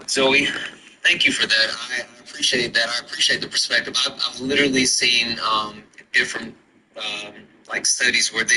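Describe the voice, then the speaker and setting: A man hosting a casual livestream chat with callers, talking in a halting way with many ums and restarts. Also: medium pitch, noisy background. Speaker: livestream host.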